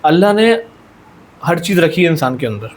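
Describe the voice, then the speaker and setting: A man's voice: a little high, very animated, moderate pace, a little hiss or hum. A young man talking earnestly as a podcast guest, repeating points and mixing English phrases into his speech. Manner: earnest, repetitive, mixes English phrases into Hindi-Urdu. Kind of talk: conversational discussion.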